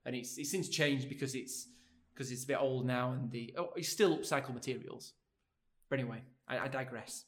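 A man's voice: mid-range voice, brisk. A man hosting a podcast in casual chat, rambling and repeating his phrases. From Britain. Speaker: podcast host. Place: big open lounge, indoors.

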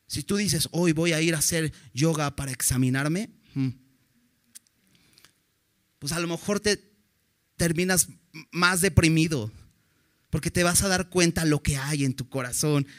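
Male preacher, fairly high voice, earnest and direct, keeps asking the congregation questions. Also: a bit bright. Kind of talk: sermon.

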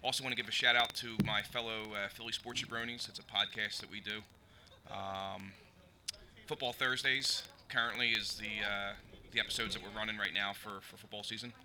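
A man's voice: lowish voice, level tone, fairly quick, a crowd in the background. A man guesting on a bar podcast, a sports radio co-host giving hesitant, filler-heavy answers. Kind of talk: casual podcast interview. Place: brewery bar.

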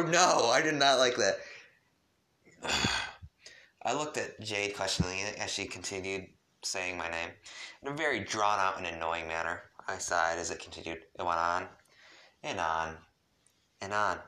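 A man casually reading a first-person story aloud, relaxed, stumbling and correcting himself now and then. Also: low-pitched. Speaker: reader of fan fiction.

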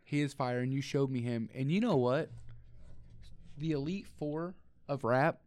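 Animated slangy podcast man. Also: mid-range voice, a little slow. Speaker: podcast co-host. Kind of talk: casual stoner chat.

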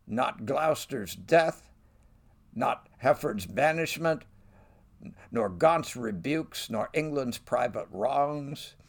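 A man's voice: medium pitch, expressive, takes it slowly, creaky, voice pushed up, heavily acted. A man reading the verse of a mild-mannered older nobleman who is losing patience with his king. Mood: indignant. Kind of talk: reading Shakespeare verse aloud.

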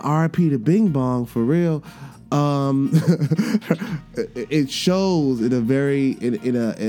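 A man in his thirties hosting a podcast, talking candidly in a casual monologue, telling stories animatedly and laughing at himself. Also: medium pitch. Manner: animated storytelling, acts out voices, laughs at himself. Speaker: podcast host.

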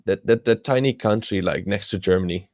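A man's voice: low voice, fairly quick, no echo, muffled recording. A young man from the Netherlands chatting casually, hesitant with many restarts and a playful streak. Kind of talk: casual podcast chat.

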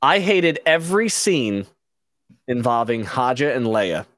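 Host, male, mid-pitched, opinionated rambler, dry close sound. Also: very animated, unhurried, a bit bright, no echo. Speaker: podcast host. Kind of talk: casual show review chat.

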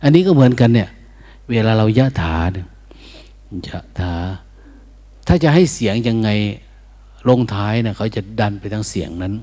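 A man's voice: on the low side, big pitch swings, normal speed, pauses often, warm tone. An older man, a Buddhist monk, giving an informal dharma talk in an easygoing, chuckling way, now and then breaking into chant to show how it should sound.

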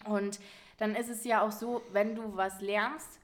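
A young adult woman, a podcast guest, telling a story in casual chat, animated and often laughing as she goes. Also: mid-range voice, unhurried.

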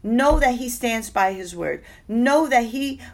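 A woman's voice: on the high side, expressive, a little slow. A woman sharing a personal testimony in a sermon, telling the story earnestly and quoting others along the way.

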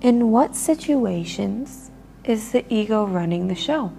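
Slow, gravelly-voiced woman guiding meditation. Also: a little high, animated, a little hiss or hum. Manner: slow, soft and soothing, with breathy pauses. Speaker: meditation guide. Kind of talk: guided meditation.

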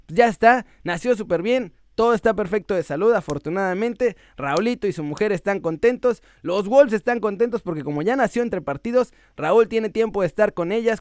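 A man's voice: sits high, no echo, studio quality. A young man with a Mexican accent, chatting casually about football news to his viewers in a slangy, joking way. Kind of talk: casual sports vlog.

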